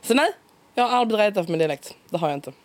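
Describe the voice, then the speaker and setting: A woman with a broad Scanian accent chatting in a relaxed interview, talkative and quick to laugh. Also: mid-range voice. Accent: broad Scanian Swedish. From Skåne, southern Sweden. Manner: chatty, laughs often, lively. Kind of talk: casual conversational interview.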